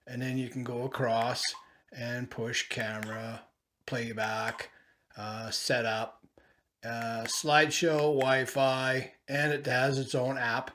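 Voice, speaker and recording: In his small home bedroom, a product reviewer handles gear and talks through a loose, filler-heavy gadget review. His voice is rough, medium-pitched and fairly bright. The camcorder's own shotgun mic picks him up from somewhere between a few and eight feet away.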